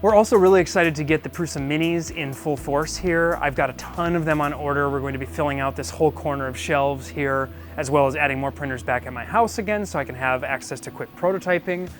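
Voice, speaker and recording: A man with a somewhat high voice narrates a casual vlog tour of his small business. He talks informally and thinks aloud, poking a little fun at himself. Faint music runs behind his voice. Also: quick pace, few pauses. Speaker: business owner giving a shop tour. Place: indoors, small business office and print shop.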